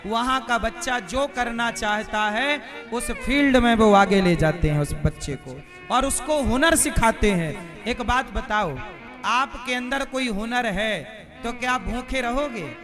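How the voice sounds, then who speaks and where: A man's voice: very high-pitched, unhurried. A man giving a devotional sermon to a live crowd, preaching and firing rhetorical questions at his listeners. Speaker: religious storyteller. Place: live religious gathering. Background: instrumental devotional music.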